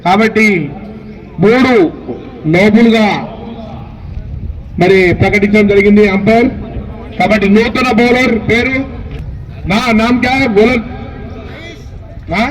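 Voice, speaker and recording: This man's high voice stays steady and unhurried, pausing often, as he commentates live and informally on amateur cricket at a local outdoor ground. Speaking with a Telangana Telugu accent, he addresses the players directly, and the mic captures distant outdoor sound.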